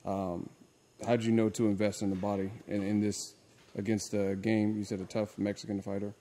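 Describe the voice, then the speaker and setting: A man with a slightly low voice conducts a casual sports interview. He is conversational, laying out questions in short pieces and repeating phrases as he goes. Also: level tone, brisk, dark tone, a little hiss or hum.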